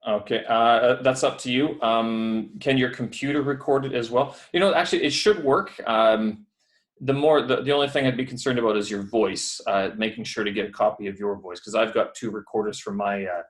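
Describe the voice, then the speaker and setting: Speaking briskly in a mid-range voice, a Canadian podcast host conducts an interview by video call. He's friendly and casual, rambling with plenty of fillers, and uses headphones from a building that isn't his home.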